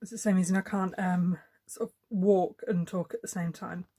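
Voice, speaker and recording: A woman's voice: on the low side, fairly even intonation, normal speed, mellow. A woman chatting casually while she stitches, rambling and thinking aloud with plenty of fillers and restarts. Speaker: cross-stitch vlogger.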